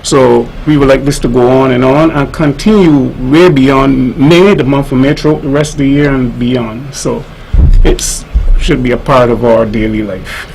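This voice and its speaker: Hesitant man with creaky voice. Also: mid-range voice, fairly even intonation, normal speed, few pauses, a little mellow, soft background music, low-quality recording. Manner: hesitant, searching for phrases. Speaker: interview guest, tourism official. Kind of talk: unscripted radio interview. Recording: faint background noise.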